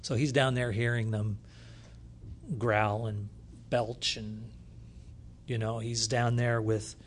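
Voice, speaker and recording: A man preaching a sermon, retelling a scripture story with lively storytelling and loud bursts when he reads from the text. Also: mid-range voice, slow, a little hiss or hum. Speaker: pastor.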